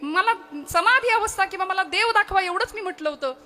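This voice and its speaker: Woman preacher playing a scared young disciple begging his teacher: high, bright, pleading. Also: brisk. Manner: pleading, alarmed.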